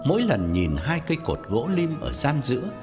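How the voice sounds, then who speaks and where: A man narrating an audiobook story in a measured, scripted way. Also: mid-range voice, huge pitch swings. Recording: long reverb with background music.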